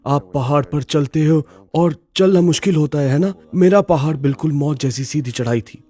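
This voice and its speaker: A man's voice: on the high side, moderate pace, warm tone. A middle-aged man giving an earnest, heartfelt personal testimony as an interview guest, often checking in with the listener.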